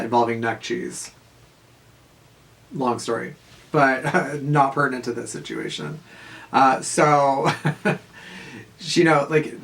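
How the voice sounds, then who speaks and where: A man, telling a casual, profane story in a rambling monologue full of fillers and quick laughs. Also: medium pitch, creaky, a bit bright. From Southern California. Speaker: vlogger.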